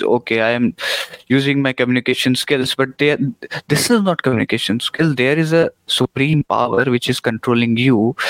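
A man's voice: medium pitch, a bit bright, dry recording, low-quality recording. Earnest teenage male podcast host. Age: teens. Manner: earnest, many fillers like "you know" and "uh". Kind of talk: casual interview conversation.

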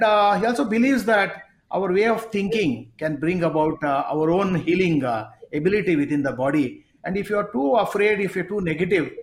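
A man hosting a conversational interview as a sports psychology coach. He talks haltingly, with many filler pauses. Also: high-pitched. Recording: echoey room.

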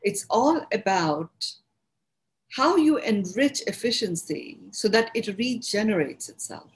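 A woman's voice: mid-range voice, sing-song, rough recording. Woman, Indian accent, podcast host, mid-range voice, reflective teaching tone, restarts words as she thinks. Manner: unhurried, repeats and restarts words while searching for phrasing. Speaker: podcast host and speaker on personal growth.

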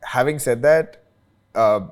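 Slow and medium-pitched, this Indian-accented man answers as an expert interview guest in a conversational style. He stresses his points, repeats himself, and frequently tags on "right?".

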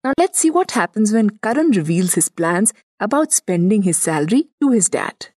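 A woman's voice: medium pitch, very animated, moderate pace, darkish tone, a little hiss or hum. A woman with a North Indian accent hosting and narrating a scripted story, chattily addressing the listener. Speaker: host and narrator.

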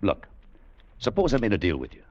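An American radio actor, lead and narrator of a 1940s-50s adventure drama, plays a wary, hard-boiled gold hunter in clipped, tough, colloquial first-person narration with a coaxing edge. His lowish, slightly mellow voice swoops wildly in pitch at a brisk clip. The muffled vintage recording has music underneath and slight background noise.

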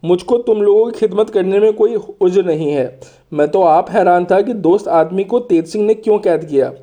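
A man's voice: sits high, moderate pace, mellow, lightly acted. A man voicing a loyal, obliging older court minister in a storybook, frank and earnest. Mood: puzzled, friendly.

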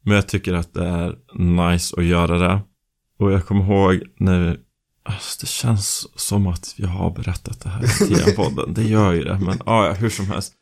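A man co-hosting a casual podcast chat, telling an animated story and acting out the dialogue. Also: sits low, gravelly. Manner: animated storyteller, acts out dialogue, frequent restarts. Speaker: podcast co-host.

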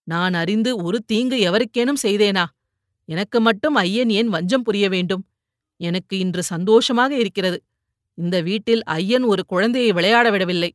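A woman voicing an ailing older husband who speaks gently and steadily to console his wife. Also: mid-range voice, no room sound, studio quality, close to an everyday voice.

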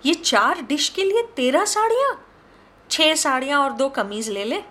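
Bossy, sharp-tongued housewife, high and scolding, played by a woman storyteller. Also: lively intonation, a little slow. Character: bossy middle-aged mistress of a house.

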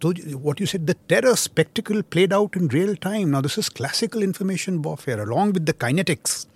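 An older Indian man gives military commentary on a panel. He talks fast in a rough, husky voice pitched a little high for a man. His phrasing is emphatic and dramatic. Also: animated. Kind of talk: military analysis in a panel interview.

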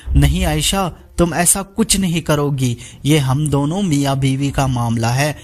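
A man's voice: fairly high pitch, measured pace, a little mellow, lightly acted. A man voicing a firm young wife who speaks sternly.

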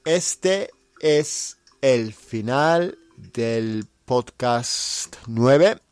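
Slow, deliberate male language teacher. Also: mid-range voice, expressive, clear, resonant tone. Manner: explains Spanish words slowly and repeats them. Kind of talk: slow scripted language lesson.

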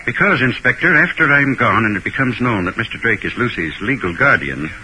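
An actor playing an older, genteel millionaire, formal and theatrical in an old radio mystery, fretful yet matter-of-fact. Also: male voice, medium pitch, animated, a little fast, pushed and bright. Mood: earnest, practical. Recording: faintly noisy old radio recording.

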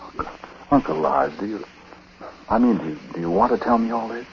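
In a 1940s radio drama, an actor plays an uneasy, troubled husband telling his own story in the first person, like a confession. His natural male voice sits low and moves fairly quickly, anxious yet gentle, hesitant and conversational, often breaking off and repeating words. The old recording is muffled and noisy.

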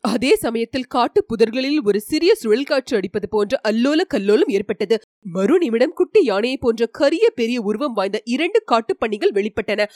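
A woman narrates a storybook in an even, clear, steady read. Her voice sits on the higher side, and the recording is dry and close with no room echo. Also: normal speed. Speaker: audiobook narrator.

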